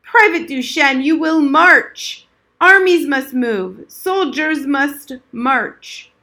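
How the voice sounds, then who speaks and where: A woman's voice: a little high, lively intonation, unhurried, a bit bright. Woman doing a stern old soldier barking drills.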